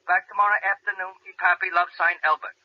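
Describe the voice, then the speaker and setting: An actor playing an impersonal telegraph clerk in a 1940s radio drama, reciting in a formal, indifferent way. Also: male voice, high voice, little pitch movement, fast talker, slight background noise, natural voice. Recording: dull vintage radio recording, telephone-like.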